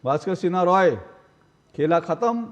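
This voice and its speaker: A high-voiced man anchors a live television news debate. He needles and cuts in on his guests. His voice carries a long reverb. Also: moderate pace. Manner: sharp, needling, interrupts guests.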